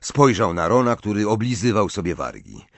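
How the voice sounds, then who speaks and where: A man's voice: on the low side, normal speed, no echo. A man narrating an audiobook expressively, doing the voices of every character himself. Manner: expressive reading, plays every role himself. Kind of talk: scripted narration.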